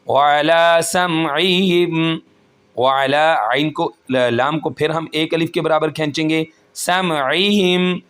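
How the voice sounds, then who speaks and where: A man teaching Quran recitation rules, explaining each point slowly and patiently and chanting the verses in a melodic voice. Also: fairly high pitch, steady tone, a bit bright. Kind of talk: tajweed lesson with chanted recitation.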